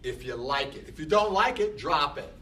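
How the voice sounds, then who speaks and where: A man teaching a class, slow and emphatic, often talking back to himself in quoted dialogue. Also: fairly high pitch, expressive, bright, forceful tone. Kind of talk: classroom talk. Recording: noisy room, voice from a distance.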